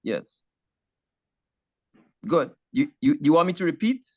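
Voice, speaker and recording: A man's voice: on the high side, very animated, slow pace, no echo. A man attending a webinar, asking polite, careful questions over a call connection whose audio keeps cutting out. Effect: call audio cutting out and breaking up. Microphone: remote video call connection. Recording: dull lo-fi call audio, dry.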